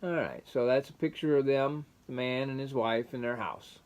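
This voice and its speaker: A man's voice: mid-range voice, normal speed, darkish tone, clean tone. An older man reading a folk tale aloud like a rambling grandpa, adding folksy asides and plain explanations. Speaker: storyteller.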